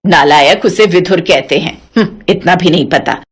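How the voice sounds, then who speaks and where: A woman voicing a sharp-tongued widowed mother-in-law in her sixties, scolding and scornful. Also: on the low side, normal speed, husky, pitched below the performer's own voice. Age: 60s. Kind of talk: animated story voice acting.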